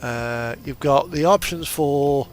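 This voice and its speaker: With a slightly high voice and slow delivery, the host of a truck simulator gaming video rambles casually over music from the in-game radio. He thinks aloud as he goes, sounding hesitant.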